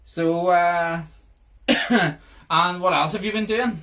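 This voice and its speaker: A middle-aged Northern Irish man hosting a mountain-bike podcast, ribbing his guest and laughing between lines. His voice is slightly high for a man, and he talks in loose, restarting bursts. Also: fairly even intonation, slow, bright, forceful tone. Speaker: podcast host. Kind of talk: casual chat.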